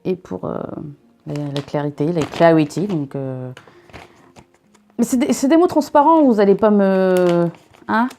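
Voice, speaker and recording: A young woman from northern France, near the Belgian border, unboxes a subscription box for her vlog, chatting casually and cracking jokes while often cutting herself off mid-sentence. Her voice is fairly low, animated and mellow, and her pace is a little slow. A faint hiss or hum sits under the recording.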